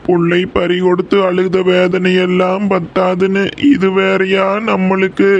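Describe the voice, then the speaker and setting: A grieving old village grandfather from a cartoon, voiced by a man, speaking in a Kongu Tamil accent. His voice sits high for a man and stays on a flat, narrow pitch. He fires off anxious questions and cries out to God. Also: measured pace. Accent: Kongu Tamil (Coimbatore). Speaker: cartoon character voice. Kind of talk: village cartoon drama acting.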